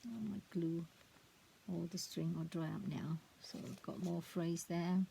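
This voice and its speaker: A woman's voice: lowish voice, steady tone, unhurried, creaky, warm tone, a little hiss or hum, poor audio. A middle-aged woman, a craft vlogger, chatting casually as she shows a handmade book, often hesitant and searching for words.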